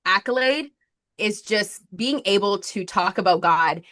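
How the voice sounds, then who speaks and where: This woman's medium-pitched voice is animated, unhurried, and fairly bright. In her thirties and from Colombia, she's a marketing strategist guesting on a podcast, where she tells her story in nonstop chatty talk thick with fillers and "like."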